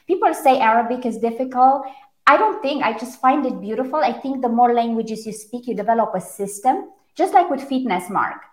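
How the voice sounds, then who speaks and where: Speaking quickly in a rather high, animated voice, a woman from Romania discusses her brand strategy work as an interview guest. Her answers are articulate and emphatic, carrying a native Romanian accent, and the room echoes.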